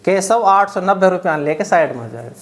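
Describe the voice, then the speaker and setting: Man, high voice, math teacher, exam-prep lesson, repetitive, works sums out loud step by step. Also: animated, a little fast. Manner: repetitive, checks understanding often; counts out calculations aloud step by step.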